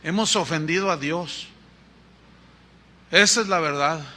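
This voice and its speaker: A man preaching a sermon to his congregation as their pastor. He is emphatic and breaks into sudden loud rises. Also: a little high, measured pace, a little hiss or hum. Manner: speaks to the congregation as brothers. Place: church.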